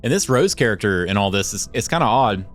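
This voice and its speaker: A man with a cold, hoarse and nasal, giving chatty, excitable let's play commentary. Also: on the low side, quick pace, over music. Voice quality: chatty, excitable, laughs often. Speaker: gaming YouTuber.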